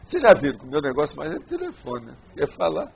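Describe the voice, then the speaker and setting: A man's voice: a little high, huge pitch swings, quick pace, vocal fry, a little hiss or hum. A man with a Brazilian Portuguese accent, answering audience questions in a loose, rambling lecture and often checking that he is understood. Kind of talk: informal lecture Q&A. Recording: dull lo-fi sound.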